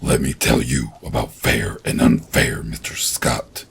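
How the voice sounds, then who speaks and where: Gravelly, rotting evil Santa monster. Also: male voice, a bass voice, fairly even intonation, a little slow, pitched below the performer's own voice, heavily acted. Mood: coldly accusing. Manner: cold, hissing, unmoved. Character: rotting, towering evil Santa-like male monster, cold and merciless. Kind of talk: horror story narration.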